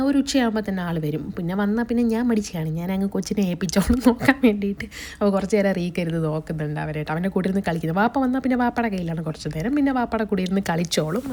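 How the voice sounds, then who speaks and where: A woman's voice: mid-range voice, darkish tone. A young woman vlogging at home with a cold, chattily explaining her day and cooking to viewers. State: has a cold, voice changed. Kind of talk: casual vlog narration. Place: family home kitchen, indoors.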